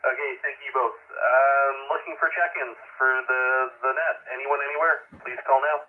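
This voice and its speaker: A man's voice: mid-range voice, steady tone, moderate pace. A man acting as net controller on amateur radio, calling for check-ins in a procedural way over a radio transmission. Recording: tinny narrowband ham radio signal.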